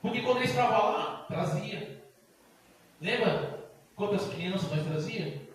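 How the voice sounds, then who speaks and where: A middle-aged Brazilian deacon preaching an impassioned Pentecostal sermon, pleading and breaking into loud bursts. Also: male voice, high voice, lively intonation, measured pace. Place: church sanctuary. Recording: very echoey church hall, distant mic.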